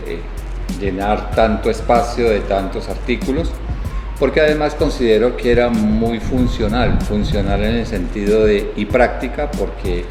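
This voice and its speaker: A Colombian man, a design program director, answering interview questions in a reflective way, pausing with fillers. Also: lowish voice. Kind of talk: conversational interview. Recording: echoey hall with music.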